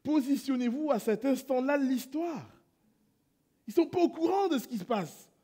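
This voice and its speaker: A man pastor preaching a sermon in church, moving between hushed prayerful passages and loud impassioned appeals. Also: extremely high pitch, lively intonation, normal speed.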